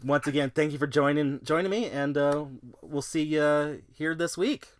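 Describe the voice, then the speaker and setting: A man's voice: on the high side, fairly even intonation, moderate pace, dry recording. A man hosting a casual podcast conversation. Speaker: podcast host.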